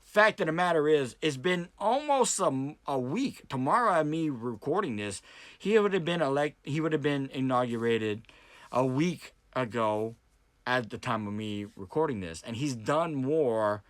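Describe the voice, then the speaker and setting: In a dry recording, a US political commentary vlogger and debate host speaks to viewers a little slowly, his mid-range voice expressive and a bit bright. Unscripted and opinionated, he drives his points home bluntly, repeating them and asking rhetorical questions.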